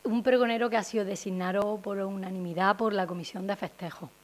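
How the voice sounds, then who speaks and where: Woman, forties, medium pitch, semi-formal announcement, town councillor, desk microphone in a meeting room. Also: fairly even intonation, fairly quick. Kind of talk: semi-formal press conference presentation. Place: small indoor meeting room. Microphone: gooseneck desk microphone.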